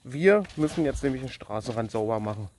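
A man vlogging with his family, making relaxed, offhand remarks while paddling a canoe outdoors and into a cave. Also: mid-range voice, fairly quick, slight background noise. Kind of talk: casual chat.

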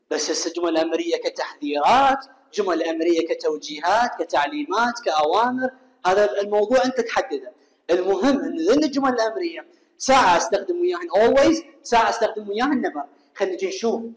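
Fast-talking Iraqi man teaching English. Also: high voice, expressive. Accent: Iraqi Arabic. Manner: explains quickly, reads English examples slowly and carefully; asks students questions and answers them himself. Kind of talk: recorded classroom lesson. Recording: echoey room with long reverb.

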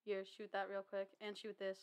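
A woman's voice: medium pitch, completely flat delivery, moderate pace, smooth. A woman streamer talking through a voice changer in a playful, teasing way as she chats over a game. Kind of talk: casual gaming stream chat.

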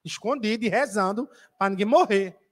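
A man's voice: sits high, normal speed. A man giving a spiritist lecture in an auditorium, telling a story in a chatty, teasing way and calling out audience members by name.

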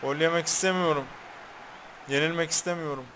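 A man's voice: a little high, steady tone, brisk, pushed and bright, a little hiss or hum. A man commentating on a football video game he is playing, talking to the players on screen, swearing, and getting worked up over fouls. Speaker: gaming YouTuber.

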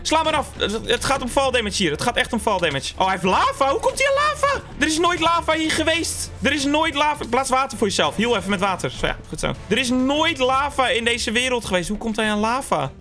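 A man's voice: very high voice, very animated, a little fast, few pauses, bright, forceful tone. A man hosting a multiplayer game event, giving urgent commentary and instructions to the players. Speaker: event host.

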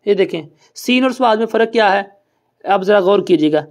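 A patient recitation teacher leads a classroom lesson in a middle-pitched voice. The teacher explains each rule step by step in a plain, conversational way. Students are kept busy answering and repeating the teacher's questions back. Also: animated. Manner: patient, quizzes students and has them repeat. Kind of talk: classroom lesson with call-and-response.

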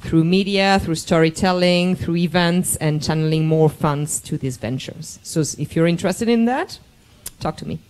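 A woman's voice: fairly low pitch, moderate pace, a little mellow. A woman from France introducing herself briefly and directly at a conference. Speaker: conference participant.

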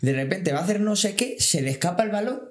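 A man tells an anecdote at speed on a casual podcast, animated and theatrical. His pitch leaps around a lot and sits somewhat high. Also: fast talker. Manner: animated storyteller, acts out crowd reactions.

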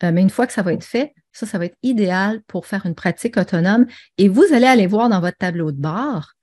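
This woman hosts a teaching webinar online, talking a little fast in a mid-range, slightly mellow voice. She keeps it chatty, frequently using fillers and starting sentences over.

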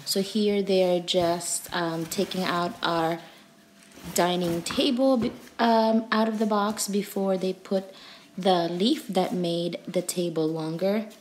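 A woman's voice: lowish voice, fairly even intonation, slow, a little mellow, slight background noise. Cheerful woman narrating a home vlog. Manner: cheerful, chatty, with frequent um and uh. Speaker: vlogger. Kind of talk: voice-over narrating a home video.

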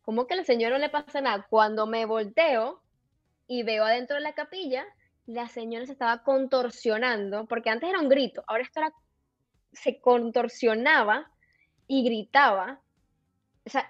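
A woman guest on a podcast, telling a personal story in an animated way and filling her talk with "o sea". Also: a little high, normal speed, no echo, highs cut off. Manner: animated, filler-heavy retelling with many "o sea". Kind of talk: casual storytelling interview.

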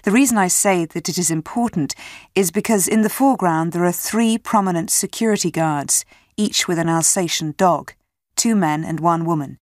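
A woman's voice: on the low side, moderate pace, no room sound, studio quality. A woman describing a picture in a methodical, matter-of-fact way.

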